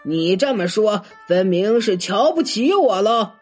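A woman's voice: mid-range voice, expressive, normal speed, husky, soft background music. A woman voicing an angry, pompous male prefect who scolds and blusters.

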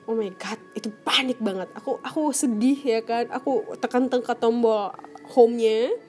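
Young woman podcaster, slightly high voice, chatty storytelling, keeps saying guys and laughing. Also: steady tone, normal speed, darkish tone, faint music behind. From Indonesia. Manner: chatty, addresses listeners as guys, laughs often. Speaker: podcast host. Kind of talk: casual storytelling monologue.

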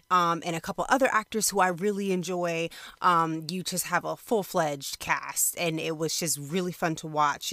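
A woman's voice: deep voice, fairly bright tone, no room sound. A woman giving a casual solo review in natural, unscripted talk, conversational and rambling as she thinks aloud with frequent hesitations. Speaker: movie reviewer.

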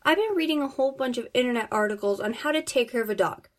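Excitable teen daughter, played by a woman. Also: a little high, fast talker, natural voice. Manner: eager and excitable. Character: eager, excitable teenage daughter.

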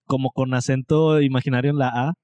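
A man's voice: mid-range voice, fairly quick, dull audio. A young man from Monterrey, chatting casually and a bit ramblingly as a podcast co-host. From Mexico (Monterrey). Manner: relaxed, rambling, self-deprecating. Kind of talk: casual chat.

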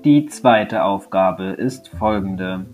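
A man teaching a remote primary school lesson, gently addressing a young child after a read-aloud story. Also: low voice, slow pace, faint music behind.

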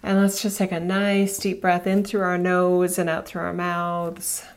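Creaky, low-voiced woman guiding listeners gently. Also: monotone, measured pace. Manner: soothing, gently instructing, breaks into small asides. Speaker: spiritual guide and podcast host. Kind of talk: guided meditation and informal talk to listeners.

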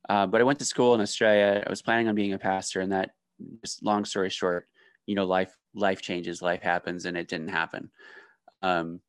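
A man's voice: sits low, little pitch movement, normal speed, clear, resonant tone, no room sound. Candid male business owner, dry sound. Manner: candid, storytelling, jokey asides. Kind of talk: casual interview.

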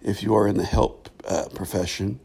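A middle-aged man with a gravelly voice giving a reflective solo podcast monologue, thoughtful and halting, with frequent pauses. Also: on the low side, fairly even intonation, a little mellow. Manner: thoughtful, halting, pausing often. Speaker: podcast host, former pastor.

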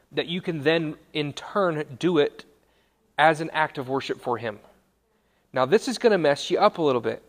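A young adult man, a college pastor, giving a casual sermon to students, talking conversationally with quick self-corrections and asides. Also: a little high, fairly bright tone. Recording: long hall reverb.

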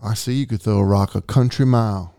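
A man's voice: fairly low pitch, fairly quick, mellow, clean tone. A man hosting a casual chat with his young son, playful and teasing, given to hammy outbursts. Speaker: podcast host, father.

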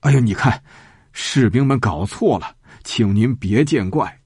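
A man's voice: mid-range voice, measured pace, a little mellow, breathy edge, no echo, clean studio sound. A man voicing a stern army general in a spoken storybook, blunt and commanding. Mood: apologetic. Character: stern male army general guarding a pass.

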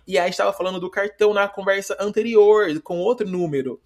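A man's voice: high-pitched, fast talker. A young Brazilian man co-hosting a podcast, telling a funny story in slangy casual chat and often breaking into laughs. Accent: Brazilian Portuguese. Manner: laughing storyteller, slangy, quotes his mother. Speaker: podcast co-host.

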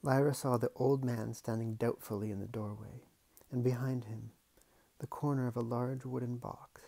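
A man's voice: medium pitch, steady tone, normal speed, vocal fry, mellow. A man reading a novel aloud at home, breaking off for casual remarks to himself. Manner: casual asides to himself between passages. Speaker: audiobook reader.

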